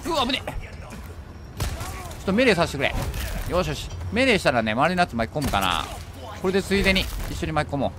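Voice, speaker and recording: A man streaming a horror game, thinking aloud as he plays and bursting into alarmed shouts when enemies appear. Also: a little high, big pitch swings, fast talker, long pauses, music in the background. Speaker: gaming streamer. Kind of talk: horror game let's play commentary.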